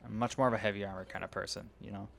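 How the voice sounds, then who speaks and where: Racing along in a fairly low, gravelly, slightly bright voice with a steady tone, a young gaming video creator gives rambling commentary while playing. He meanders, cuts himself off, and keeps losing his train of thought.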